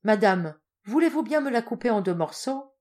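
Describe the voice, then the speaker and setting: A woman's voice: fairly high pitch, expressive, moderate pace, darkish tone, pitched above the performer's own voice, natural voice. A woman voicing a cocky young salesman. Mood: breezy. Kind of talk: audiobook reading.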